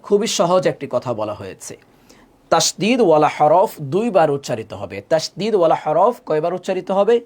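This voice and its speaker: Male Quran teacher, patient and repetitive, fairly high, animated pitch, slows down to spell out letters. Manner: patient, repeats each rule with call-and-response questions. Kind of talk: live online tajweed class.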